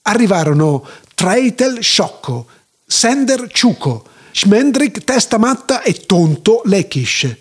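A man reading a storybook tale aloud in a playful, animated way. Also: high-pitched, slow, slightly rough.

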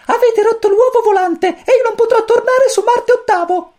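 A woman voicing a tiny, fussy male cosmic chick who commands a spaceship, squeaky, stern and lecturing, in a storybook reading. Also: normal speed, mellow. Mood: fretful.

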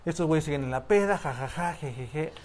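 A man's voice: fairly high pitch, brisk, darkish tone, a little hiss or hum. A man with a Mexican Spanish accent telling a story in a casual chat, full of slang, laughing often and acting out the voices of the people in it. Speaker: podcast co-host telling a story.

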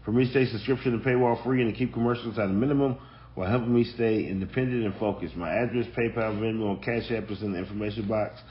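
A man hosting a podcast, speaking casually and rambling through his thoughts with plenty of fillers. His voice is fairly low, and the audio is dull and lo-fi. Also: fairly even intonation, fast. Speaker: podcast host. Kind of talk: casual commentary.

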